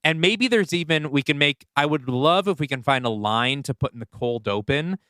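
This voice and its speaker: Working through story ideas as he goes, a man who co-hosts a podcast and writes thinks aloud in a relaxed, chatty way, dropping "like" frequently. His voice sits a little high, with lively intonation, a sharp tone and a moderate pace. The sound is dry and studio-clean.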